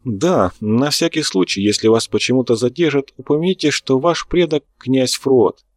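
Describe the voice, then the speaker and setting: A man voicing a hooded, secretive male official who gives calm, measured instructions in a muffled, hollow voice. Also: mid-range voice, no room sound, pitched above the performer's own voice, lightly acted. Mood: instructing.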